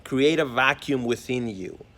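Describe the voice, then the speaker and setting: An earnest man of mid-range pitch speaks in a reflective spiritual monologue. He muses aloud, circling back and restarting phrases as he goes. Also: expressive, measured pace, fairly bright tone. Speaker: holistic vlogger.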